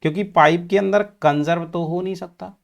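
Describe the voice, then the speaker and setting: Lecturing on engineering, this Indian-accented man has a high, creaky voice held at a steady tone. He moves between Hindi and English at a slow, deliberate pace, draws out key terms, and answers the questions he poses himself.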